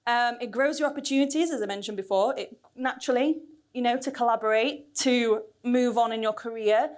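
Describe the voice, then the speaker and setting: A woman's voice: on the high side, brisk. A woman speaking at a conference, losing her voice, chatty and asking the audience questions. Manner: chatty, asks the crowd questions. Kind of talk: lively lightning talk to an audience. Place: cinema venue stage.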